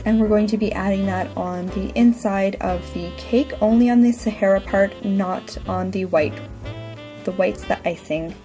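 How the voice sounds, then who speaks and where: A woman's voice: medium pitch, mellow. A woman in her thirties talking casually and informally as the host of a craft tutorial. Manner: chatty, informal. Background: background music.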